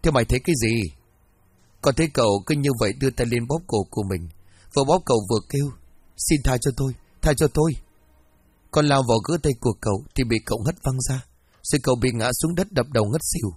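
A frightened, humble young servant boy, as a male narrator puts him on, pleading and explaining to his masters. The voice is husky, recorded dry and close. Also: medium pitch, fast, darkish tone, no room sound, close to an everyday voice.

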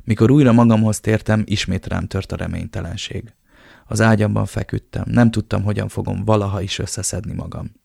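A man narrating a novel in the first person, with a dark, brooding delivery. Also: lowish voice, steady tone, creaky, slightly rough, no room sound, clean studio sound. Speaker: audiobook narrator.

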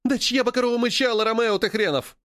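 A man's voice: extremely high pitch, fast, a bit bright, no room sound, clean studio sound, pitched above the performer's own voice. A man voicing a panicky young husband who exclaims in agitation. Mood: indignant.

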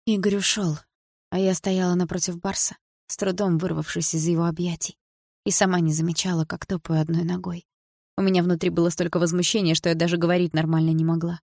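A woman's voice: on the low side, flat delivery, quick pace, creaky, a little mellow, no room sound, studio quality. Indignant woman narrating an audiobook. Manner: indignant, emotional storytelling. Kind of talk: first-person audiobook narration.

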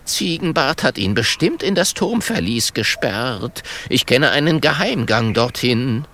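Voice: medium pitch, big pitch swings, a little slow, fairly bright tone, a little hiss or hum. Ein Erzähler verstellt sich als eitler Ziegenbock und Zauberer aus einem Kinderhörbuch. Er redet selbstgewiss, leicht erhoben und schnell beleidigt. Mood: reassuring. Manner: indignant, sniffing, lecturing. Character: pompous goat, actually a great wizard.

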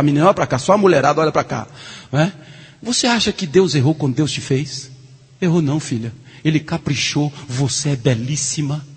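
A man preaching a sermon, swinging between low earnest passages and loud joking bursts. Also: breathy edge. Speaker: pastor. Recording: long hall reverb.

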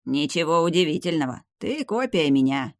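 A reader voicing an older male vampire clan head, a gruff and doting grandfather, in an audiobook. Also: mid-range voice, sing-song, normal speed, no echo, studio quality. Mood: teasing. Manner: gruff, fussing. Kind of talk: audiobook character voice.

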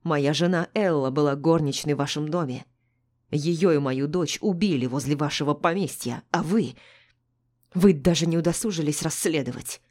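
A woman's voice: deep voice, normal speed, a little mellow. A woman reading the part of a harsh, embittered middle-aged male doctor in an audiobook, snapping and contemptuous. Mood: furious.

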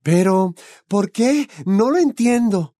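Man doing a middle-aged witch mother, high strained falsetto, fussing, storybook voice. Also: lively intonation, a little slow, dark tone, no echo, clean studio sound. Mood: flustered. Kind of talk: audiobook character voice.

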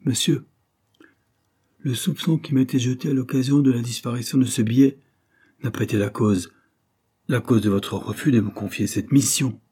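A man's voice: fairly low pitch, moderate pace, warm tone, husky. A man voicing an earnest, sensitive young male clerk, speaking in a raised, pressing way. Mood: agitated.

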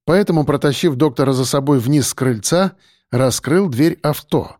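A man narrating a story in a steady, measured audiobook manner. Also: medium pitch, no room sound, studio quality.

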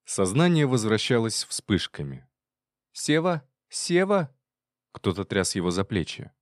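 A man narrating an audiobook in an even storytelling manner. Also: lowish voice, moderate pace, dry recording, clean studio sound. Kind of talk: audiobook reading.

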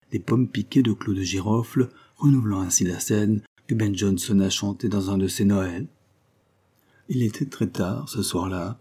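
A man reading a classic story aloud in a measured, even narration. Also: on the low side, husky. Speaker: audiobook reader.

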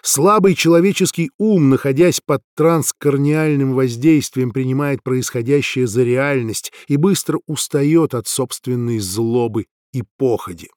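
A man reading a novel aloud as narrator in a measured, steady way. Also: mid-range voice, dry recording, studio quality. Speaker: audiobook narrator. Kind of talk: scripted narration.

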